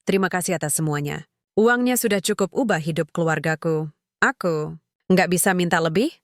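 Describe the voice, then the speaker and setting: A woman voicing a humble young male village grass-cutter who speaks in a quiet, earnest, self-effacing way. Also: fairly low pitch, fairly quick, no echo, studio quality, natural voice. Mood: resigned.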